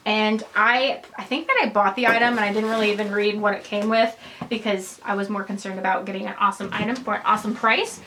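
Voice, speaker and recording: A young woman vlogger chatting casually and excitedly through an unboxing, rambling as she goes. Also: mid-range voice, quick pace, a little hiss or hum, rough recording. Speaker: fashion vlogger.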